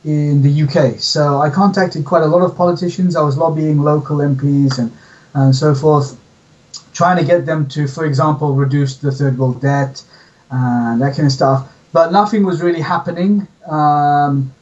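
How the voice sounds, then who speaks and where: A man from the UK, telling his story as an interview guest in a relaxed way. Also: on the high side, normal speed, far from the mic, highs cut off. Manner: relaxed storytelling, says "yeah?". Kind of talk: casual interview.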